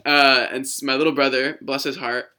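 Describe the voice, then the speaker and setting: A man's voice: medium pitch, level tone, fairly quick, a crowd in the background. A young man co-hosting a podcast, telling stories in a rambling, casual way with lots of "like" and restarts. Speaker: podcast co-host. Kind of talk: casual chat.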